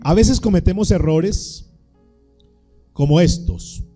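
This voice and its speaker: A man's voice: high-pitched, slow, warm tone, faint music behind. A man preaching a sermon as pastor, earnest and acting out little scenes for the congregation.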